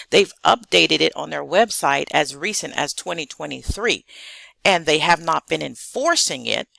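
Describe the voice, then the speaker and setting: American woman, heavily creaky, emphatic vlogger. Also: on the low side, a bit bright, dry recording. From South Carolina, United States. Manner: emphatic, blunt, repeats key points. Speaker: vlogger addressing an online audience. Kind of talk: direct-to-viewer vlog commentary.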